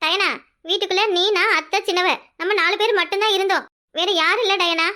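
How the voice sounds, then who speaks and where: A woman's voice: very high voice, steady tone, pushed and bright. A woman voicing a blunt village housewife. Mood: questioning. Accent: southern Tamil Nadu dialect. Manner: blunt, quick explanations. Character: sharp-tongued village housewife, elder sister-in-law.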